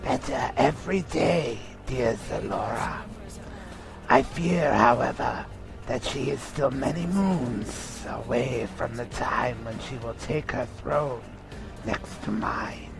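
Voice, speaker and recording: A man's voice: mid-range voice, vocal fry. A man playing a serpent wizard king in a fantasy audio drama, falsely fatherly and commanding, with menace beneath the kindness. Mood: feigned kindness. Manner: slow, benevolent and familiar, commanding. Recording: loud music under the voice.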